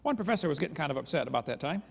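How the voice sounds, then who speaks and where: A man with a fairly high voice lectures a live crowd, cracking sarcastic jokes and chuckling as he tells his stories. His voice rings out with a long reverb in a big hall. The sound is dull and lo-fi. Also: very animated, racing, gravelly. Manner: joking, sarcastic storytelling with chuckles. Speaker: creationist speaker. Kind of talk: humorous lecture to a live audience.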